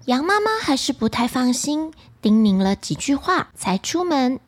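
Lively high-voiced woman telling a bedtime story. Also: normal speed. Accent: Taiwanese Mandarin. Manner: lively, expressive children's storytelling.

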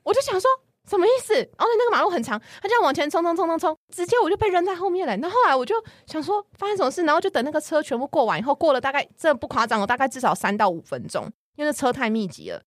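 A woman's voice: sits high, very animated, very fast, hardly any pauses, dry recording, clean studio sound. A woman in her thirties, co-hosting a casual chat and telling stories in a dramatic, indignant, playful way. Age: 30s. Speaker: podcast co-host.

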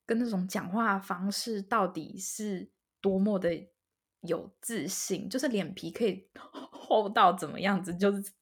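A young woman chats on a casual podcast. Her voice is husky and breathy at a middle pitch. She exclaims and reacts with outspoken opinions. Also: unhurried. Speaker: podcast co-host. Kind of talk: casual chat.

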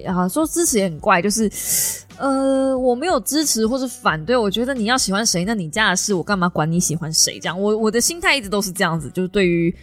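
Candid woman podcaster retelling a book. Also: mid-range voice. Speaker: podcast host. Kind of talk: casual book discussion.

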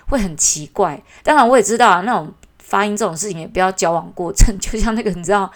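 A woman with a Taiwanese Mandarin accent, hosting a podcast in a chatty, animated way, with lots of "hou" particles. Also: lowish voice. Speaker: podcast host; works with kindergarten classes. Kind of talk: casual podcast monologue.

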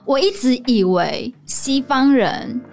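A woman's voice: high voice, sing-song, takes it slowly, gravelly, soft background music. A woman interviewing a guest as host, in a casual chatty style.

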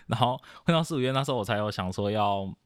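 A young man from Taiwan chatting casually on a podcast, hesitant, with many restarts and soft laughs. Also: mid-range voice, lively intonation, brisk, smooth, no echo, studio quality. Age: young adult. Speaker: podcast guest. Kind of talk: casual chat.

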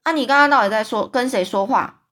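A woman's voice: a little high, quick pace, fairly bright tone, voice pushed up, natural voice. A woman voicing a huge, brutish, man-eating male giant who bellows and bullies in a storybook reading. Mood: accusing. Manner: bellowing, bullying, greedy.

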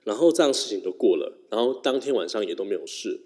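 A man's voice: on the low side, fast talker. A man telling a personal story casually, rambling and correcting himself as he goes. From Taiwan. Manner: rambling, self-correcting, animated. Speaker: YouTuber. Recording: long reverb.

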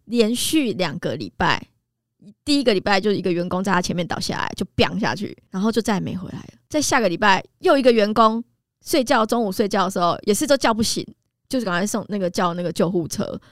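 A woman as a nutritionist host. Her pitch swings freely up and down as she chats and tells stories, stretching out her sentence particles. The sound is close and dry, with no room echo. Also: animated. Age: 40s. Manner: conversational, many drawn-out sentence particles. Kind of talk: chatty health talk with personal stories.

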